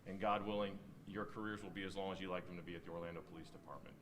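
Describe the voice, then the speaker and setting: A man's voice: low voice, steady tone, racing, noisy background. A middle-aged American man, a senior police officer, giving an informal, plain-spoken, encouraging speech to new recruits. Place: indoor ceremony venue.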